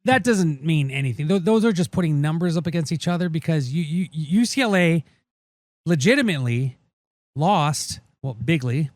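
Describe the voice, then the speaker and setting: A man co-hosting a sports podcast in relaxed chat, breaking down numbers with offhand asides. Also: on the high side, normal speed, dry recording. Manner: relaxed, agreeable, analytical asides. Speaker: podcast co-host.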